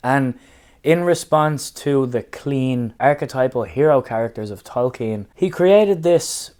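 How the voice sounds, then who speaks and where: A man with a hoarse, smoky rasp from laryngitis gives a casual, animated book review as a vlogger. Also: medium pitch, a little slow. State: hoarse, getting over laryngitis. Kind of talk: casual scripted-outline book review to camera.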